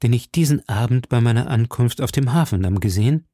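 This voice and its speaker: A man's voice: medium pitch, expressive, fairly quick, warm tone, dry recording, studio quality, natural voice. Man voicing a tense, cornered noblewoman. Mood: wary.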